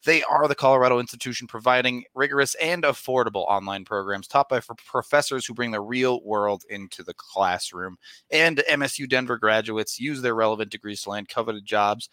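A man hosting a sports podcast rattles off a fast legal disclaimer in short, clipped phrases. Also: medium pitch, bright, forceful tone, no echo.

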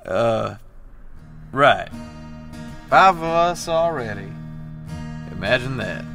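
A man's voice: medium pitch, animated, slow, gravelly, loud music behind the voice. A young man acting a terse, protective caravanner who talks like a grizzled cowboy in an audio drama. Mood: wry. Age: young adult.

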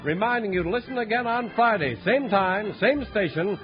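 A man's voice: high voice, animated, normal speed, lo-fi sound. A man with an American accent announcing in the polished, scripted style of an old-time radio announcer, on a vintage broadcast recording. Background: music.

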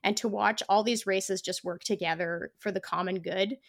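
A woman's voice: moderate pace, creaky, dry recording, studio quality. A woman guest on a casual podcast interview, telling running stories and acting out quotes with big jumps in voice, full of "like" fillers. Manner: animated storyteller, acts out quotes with big pitch jumps, many "like" fillers.

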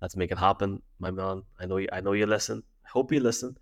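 A man with an Irish accent co-hosting a sports podcast, chatting in an animated, jokey way full of slang. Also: low-pitched, fast. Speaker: podcast co-host. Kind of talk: casual sports podcast chat.

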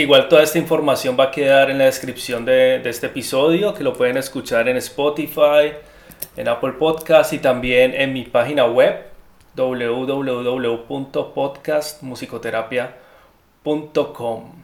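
A man's voice: medium pitch, fairly even intonation, a little slow, roomy sound. A man hosting a podcast interview, friendly and wishing his guest well. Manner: friendly, warm sign-offs. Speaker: podcast host.

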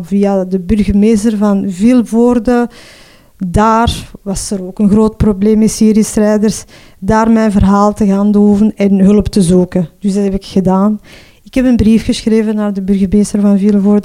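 A middle-aged Flemish woman telling her own story as a mother, emotional and halting, often restarting and adding "hè". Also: mid-range voice, fairly even intonation, dark tone. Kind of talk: personal testimony.

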